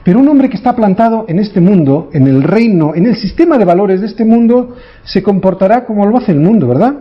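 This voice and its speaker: A male pastor with a fairly high voice delivers a sermon, driving each point home and checking in with quick tag questions. The recording is dull and slightly lo-fi. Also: animated.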